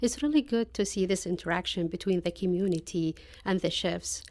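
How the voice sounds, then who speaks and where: A woman's voice: on the low side, brisk, a little mellow. A woman from Iraq being interviewed on the radio, speaking in simple phrases with hesitant fillers. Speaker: business specialist, guest.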